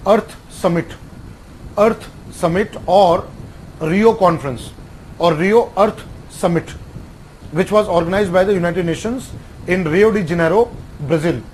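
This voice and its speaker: A man teaching an online exam-prep lecture, repeating key terms and spelling out acronyms slowly. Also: sits high, a little mellow, slight background noise, poor audio. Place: classroom with whiteboard.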